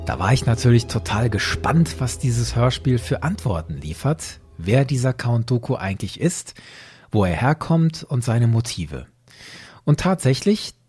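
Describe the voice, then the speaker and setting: Addressing his audience directly, this man narrates an explanatory solo podcast in an emphatic but conversational, orderly manner. He has a medium-pitched voice with a darkish, slightly rough tone.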